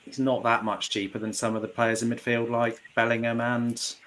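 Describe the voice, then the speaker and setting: A man's voice: mid-range voice, completely flat delivery, moderate pace, a bit bright. A British man on a podcast panel, casually and methodically talking through his reasoning. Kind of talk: casual discussion.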